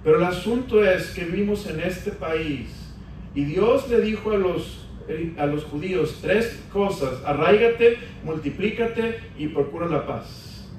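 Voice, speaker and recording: A man preaching a sermon in a high, bright voice, pressing his points with emphatic rises. He sounds distant from the mic in a big, echoing church hall, with a faint hiss of room noise behind him. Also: measured pace. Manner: preaching with emphatic rises, addressing the congregation as brothers. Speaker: pastor. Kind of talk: Spanish-language sermon.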